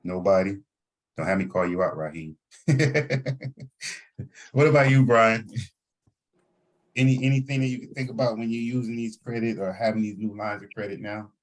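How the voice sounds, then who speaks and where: A man's voice: fairly low pitch, normal speed, pauses often, rough recording. A man hosting a group voice chat meeting, coaching listeners and repeating his key points to drive them home. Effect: group voice chat audio. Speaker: host of an online financial team meeting. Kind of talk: coaching a group over a voice call.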